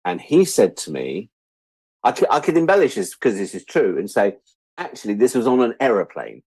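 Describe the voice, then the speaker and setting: With a fairly low, breathy voice at a moderate pace, this English man in his sixties tells anecdotes as an interview guest. A writer and editor, he's an animated storyteller who runs himself down and acts out others' remarks. The audio has no echo.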